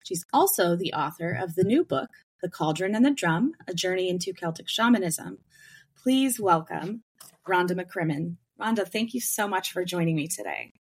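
A woman's voice: on the low side, lively intonation, moderate pace, slightly rough. A woman hosting a podcast interview, friendly, with hesitant fillers and light laughter. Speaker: podcast host.

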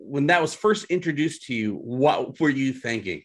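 A man's voice: mid-range voice, animated, normal speed. Young male podcast host: casual, laughs easily, hesitant fillers. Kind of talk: podcast interview.

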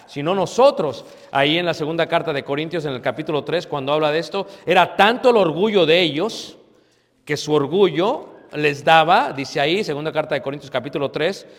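A man with a slightly high voice preaches a sermon as a pastor, posing rhetorical questions and swinging between loud emphasis and hushed asides. The recording has long hall reverb.

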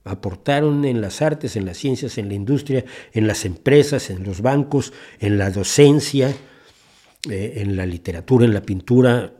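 A podcast host in his sixties from Mexico delivers an impassioned, indignant opinion monologue, restarting his sentences often. He has a warm, lowish voice and speaks at normal speed.

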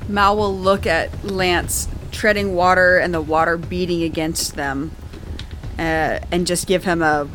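A woman's voice: fairly low pitch, fairly even intonation, measured pace, a bit bright, a little hiss or hum. A woman playing a tabletop role-playing game, describing her character's actions and talking tactics. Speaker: player.

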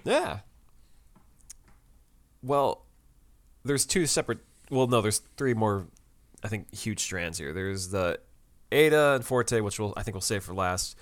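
A man's voice: on the low side, lively intonation, unhurried, pauses often. A man co-hosting a podcast, chatting in an easygoing way and laughing at his own slips. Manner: easygoing, self-deprecating, laughs at himself. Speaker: podcast co-host. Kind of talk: casual chat recapping a TV episode.

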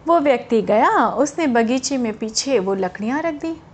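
ऊँची आवाज़ वाली कहानी सुनाने वाली महिला. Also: female voice, on the high side, animated, normal speed, breathy edge. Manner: chatty, with asides to the children. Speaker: storyteller for children. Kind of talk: storytelling narration.

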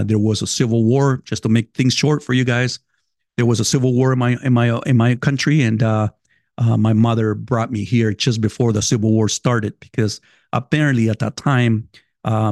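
A man's voice: medium pitch, darkish tone, no echo. Brief: male podcast host, 50s, Salvadoran Spanish accent, casual swearing monologue at his desk, dry close sound. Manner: loose, chatty, swears casually, talks straight to listeners.

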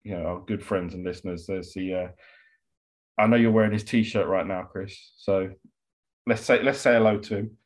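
A man's voice: sits low, steady tone, moderate pace. A British man co-hosting a podcast in casual chat, with loose, hesitant phrasing. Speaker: wrestling podcast co-host.

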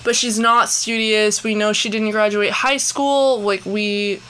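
A young adult woman co-hosting a casual chat show, talking freely with lots of "like" and quick impressions of people. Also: mid-range voice, steady tone, bright, forceful tone, slight background noise. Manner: chatty, full of "like" and bits of mimicry. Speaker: podcast co-host. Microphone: headphones, on camera.

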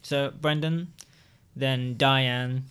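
A man with a lisp that turns his R's into W's, chatting in a halting, repetitive, jokey way as a comedy podcast host. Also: mid-range voice, fairly even intonation, a bit bright, clear, resonant tone. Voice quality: lisp, can't pronounce R's, says w for r. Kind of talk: casual comic banter.

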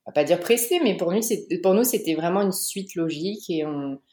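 Podcast guest: woman, 30s, from the Paris region, low voice, hesitant, echoey room. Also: expressive, a little fast, warm tone. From Paris region, France. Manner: hesitant, many "euh" fillers and restarts. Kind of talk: podcast interview, personal testimony.

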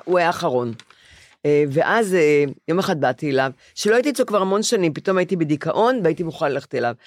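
A woman's voice: deep voice, no echo, studio quality. An older woman chatting casually as co-host, telling stories and acting out the people in them. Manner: animated storyteller, acts out voices. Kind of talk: casual chat.

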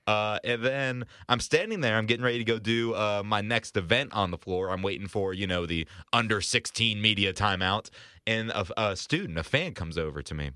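A man in his twenties, an arena host, telling a story in casual podcast chat, rambling with restarts and quick laughs. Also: on the low side, bright, forceful tone, smooth, no room sound, clean studio sound. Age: 20s.

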